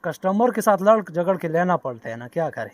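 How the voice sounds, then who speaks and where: A man with a Pakistani accent answers from his market stall in short, blunt bursts. His voice runs high. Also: very animated, brisk. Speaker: secondhand shoe seller. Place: outdoor street market.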